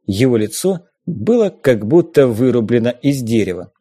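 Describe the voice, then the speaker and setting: A man narrating an adventure audiobook in the first person, measured and unhurried. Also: medium pitch, slightly rough, no echo, studio quality. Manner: slow, measured, lively intonation.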